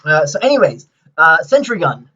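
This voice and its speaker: A man giving casual gameplay commentary, rambling and excitable as he explains his build, with many filler sounds. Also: fairly high pitch, normal speed, husky, dull audio.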